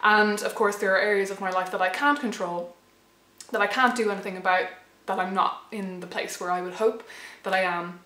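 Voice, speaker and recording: A woman of about thirty speaks in a thoughtful, halting way and often circles back on herself. Her voice sounds a little hoarse and worn, pitched at a middling height. The recording carries a noticeable room echo. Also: fairly even intonation, sharp tone. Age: late 20s to 30. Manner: thoughtful, hesitant, many restarts and fillers. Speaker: channel host. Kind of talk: reflective personal vlog.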